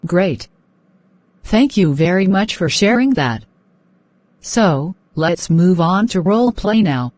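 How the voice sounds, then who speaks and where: A woman's voice: on the low side, lively intonation, slow pace, pauses often, darkish tone, no echo. A woman working as a speaking test examiner, reading out scripted questions and instructions in a polite, formal way.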